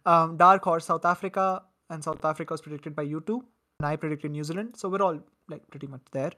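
A man's voice: a little high, fast, pushed and bright. Chatty man hosting a cricket podcast. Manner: chatty, laughs often, reads out picks. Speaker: podcast host. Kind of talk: casual cricket podcast chat.

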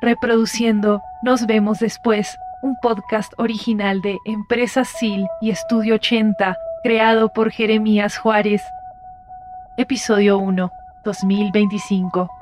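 A woman voicing a female computer system reading out data in a flat, robotic manner. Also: mid-range voice, measured pace, faint music behind, natural voice. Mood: cold.

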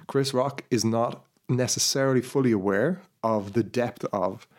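A man's voice: medium pitch, normal speed. A man co-hosting a podcast, spinning a rambling story in casual chat with many restarts. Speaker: podcast co-host.

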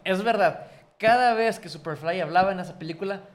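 A man with a high voice co-hosting a casual podcast. He explains things at length, often restarting his sentences as he goes. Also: a little fast. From Mexico. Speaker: podcast co-host. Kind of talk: casual chat.

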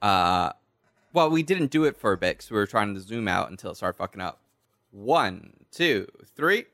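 A man's voice: fairly low pitch, big pitch swings, moderate pace, a bit bright, dry recording, studio quality. A young man hosting a podcast in loose, joking casual chat over a call. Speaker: podcast host.

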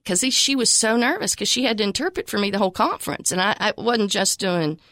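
An older woman from Tennessee with a Southern accent, telling stories as a guest in a casual interview, animated and warm. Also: mid-range voice, fast talker, no echo, clean studio sound. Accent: Southern American. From Tennessee, USA. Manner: lively storyteller, animated and warm. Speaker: guest, pregnancy clinic director.

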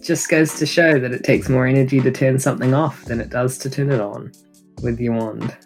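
Woman, tabletop player, low voice, joking, casual. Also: fairly even intonation, fairly quick, a little mellow, faint music behind. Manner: joking, laughing. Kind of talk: casual tabletop game play.

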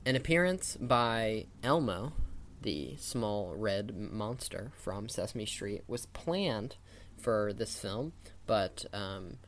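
Male host, lowish pitch, opinionated casual commentary, slight background noise. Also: expressive, slow. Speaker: podcast host. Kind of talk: casual film-trivia commentary.

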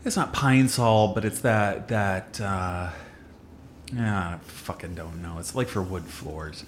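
A co-host in a casual chat while taste-testing food, expressive, quick to react, and crude. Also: low voice, slight background noise. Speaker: podcast co-host.

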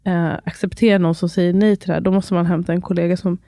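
A woman's voice: lowish voice, level tone, mellow, no room sound, studio quality. A woman in her thirties co-hosting a podcast in casual chat, talking freely with frequent laughs and sentences that trail off. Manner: chatty, laughs often, trails off mid-sentence. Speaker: podcast co-host.

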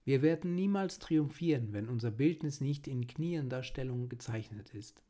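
A man reads an old sermon aloud in a mellow, dark voice. His delivery is solemn and pleading, pressing his listeners with urgent questions. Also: mid-range voice, lively intonation, normal speed. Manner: earnest, pleading, exhorting. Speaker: preacher reading a sermon.

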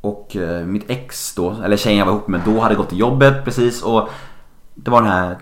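A man telling a personal story in casual talk, animated and swearing freely. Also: lowish voice, echoey room, slight background noise.

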